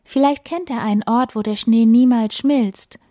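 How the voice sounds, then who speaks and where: Woman as a sweet helpful little girl in a storybook, raised bright voice, dry and close. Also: a little high, moderate pace, dry recording, voice pushed up, close to an everyday voice. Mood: encouraging. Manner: bright and reassuring. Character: kind cheerful young girl, comforting. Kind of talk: bedtime story voice.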